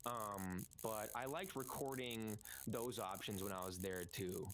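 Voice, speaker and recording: A young man, a guest voice actor, answering questions in a relaxed, rambling way with many fillers on a livestream. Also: fairly low pitch, measured pace. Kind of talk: casual livestream interview.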